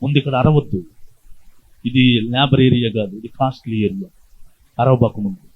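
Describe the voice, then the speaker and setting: A man's voice: medium pitch, fairly even intonation, moderate pace, slightly rough, no room sound, narrow, tinny audio, voice pushed down, natural voice. A man doing a curt, scolding rich landlord. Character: rude wealthy male landlord, harsh and dismissive.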